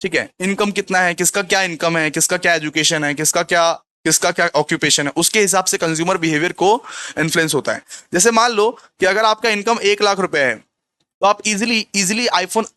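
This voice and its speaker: A high-pitched man giving a commerce exam revision lecture in a bright, dry-sounding voice. He repeats each point several times and poses rhetorical questions to the class before answering them. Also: normal speed, clean tone, no room sound. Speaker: commerce tutor.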